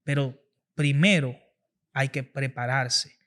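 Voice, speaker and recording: A man's voice: medium pitch, fairly even intonation, slow, fairly bright tone. A man hosting a podcast, giving an earnest motivational talk on public speaking and repeating phrases for emphasis. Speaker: podcast host.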